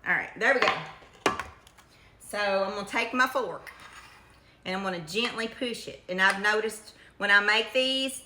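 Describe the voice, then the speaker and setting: Demonstrating home cooking indoors in her kitchen, a middle-aged Kentucky woman talks in a folksy, homespun style with her regional accent. Her mid-range voice is bright and forceful, and the recording carries echo and faint noise.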